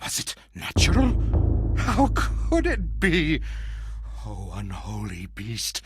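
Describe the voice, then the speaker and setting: A man playing a half-mad male survivor in a horror monologue, lurching between hushed whispers, manic laughter and shouts. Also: mid-range voice, huge pitch swings, slow, background noise. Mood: horrified. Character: half-mad male survivor raving about monstrous parasites.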